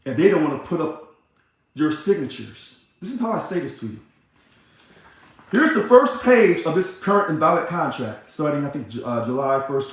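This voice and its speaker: A man, an ousted union leader, delivering a combative, sarcastic ranting monologue that repeats itself and bursts into shouting. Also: on the high side. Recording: very echoey room.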